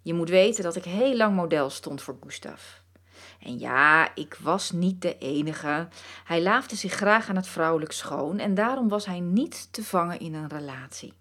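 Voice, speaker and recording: A dreamy muse stepped out of a painting , voiced by a woman narrator. Her low, breathy voice drifts slowly, swooping up and down in lively melodies. She sounds wistful and softly mystical. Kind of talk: storytelling narration.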